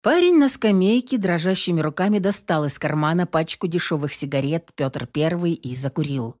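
A woman reading a novel aloud as an audiobook narrator, expressive and acting each character. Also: lowish voice, normal speed. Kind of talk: scripted narration.

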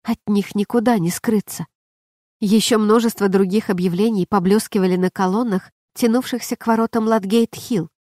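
A woman narrating an audiobook in an even, measured reading voice. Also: mid-range voice, dry recording, studio quality. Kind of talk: scripted narration.

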